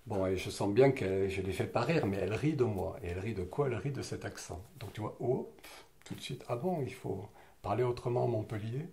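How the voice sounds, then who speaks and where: Man in his fifties, low voice, lively storyteller, from French Catalonia, laughs often. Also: fairly quick, slight background noise. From French Catalonia, southern France. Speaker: interviewee. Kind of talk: personal reminiscing in conversation.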